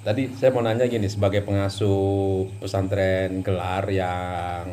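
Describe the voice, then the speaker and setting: A man's voice: deep voice, flat delivery, unhurried, dark tone, slight background noise. A man hosting a casual podcast interview, agreeable and often answering with short affirmations and fillers. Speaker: podcast host.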